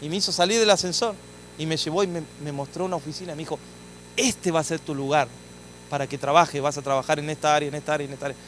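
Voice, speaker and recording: A man's voice: a little high, fairly even intonation, quick pace, fairly bright tone, a little hiss or hum, low-quality recording. A man, a pastor preaching a sermon, telling his testimony and acting out the dialogue before rising into emphatic preaching. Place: church sanctuary.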